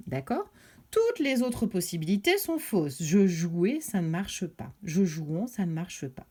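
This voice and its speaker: A woman teaching a recorded lesson to young children, explaining clearly and patiently step by step. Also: medium pitch, dark tone. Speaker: primary school teacher.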